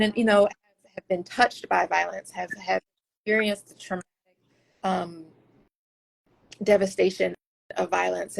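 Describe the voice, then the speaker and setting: A woman talks as an interview guest, earnest and reflective, circling back and restarting her thoughts as she goes. Her voice carries a gravelly, creaky texture at a middle pitch. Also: poor audio. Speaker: guest researcher. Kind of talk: casual interview talk.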